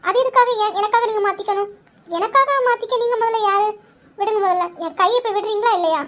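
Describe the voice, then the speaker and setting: A stubborn young wife, played by a woman, fires off indignant retorts in a comic couple skit. Her voice sits very high and the words tumble out fast. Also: fairly bright tone. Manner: scolding, indignant, quick retorts.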